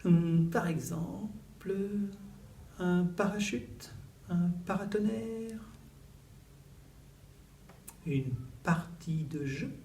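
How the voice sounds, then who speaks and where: A man teaching a recorded reading lesson to young children in a classroom, slow and animated, stretching his syllables. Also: high-pitched, gravelly, distant mic. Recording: echoey room, voice a little off-mic, faint background noise.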